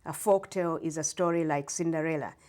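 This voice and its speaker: A middle-aged woman from Uganda, a guest professor answering interview questions in a measured, explanatory way. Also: low-pitched, steady tone, a little mellow. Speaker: guest storyteller and English professor.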